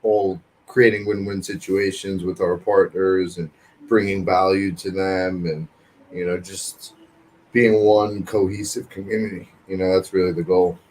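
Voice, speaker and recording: Deep voiced guy co-hosting an interview, easygoing, some faint noise. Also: flat delivery, a little slow, darkish tone, low-quality recording. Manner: easygoing, with fillers. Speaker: co-host. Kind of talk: casual interview.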